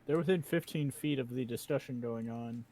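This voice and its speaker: A man's voice: mid-range voice, normal speed, background noise. A man chatting casually as a tabletop game player, explaining and arguing his points.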